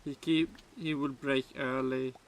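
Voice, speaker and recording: A man's voice: mid-range voice, flat delivery, unhurried, vocal fry. A man from Sweden with a Swedish accent, a native Swedish speaker, rambling in casual reaction commentary with broken English and many restarts. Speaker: streamer reacting to a video.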